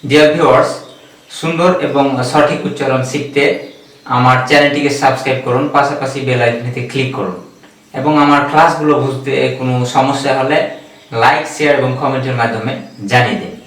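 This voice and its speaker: A man's voice: mid-range voice, steady tone, a bit bright, recorded from a distance. Bangladeshi man drilling words in an echoey room. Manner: repeats each word slowly several times, then gives its meaning. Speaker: English pronunciation teacher. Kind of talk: online language lesson.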